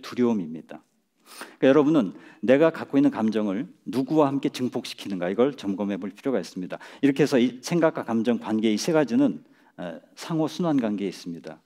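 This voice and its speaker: A middle-aged man giving a public lecture on a stage, speaking in a measured way and chuckling at his own jokes. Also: mid-range voice, expressive, mellow. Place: lecture stage before an audience.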